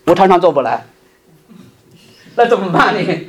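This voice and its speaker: A middle-aged male pastor preaching a sermon, swinging between loud emphasis and soft, hushed asides. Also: sits high, very animated, moderate pace, slightly rough.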